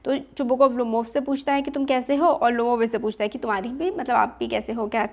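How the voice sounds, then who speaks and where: A woman with an Indian accent teaching an English lesson, reading each line slowly and then explaining it in Hindi. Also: on the high side, fairly even intonation, darkish tone.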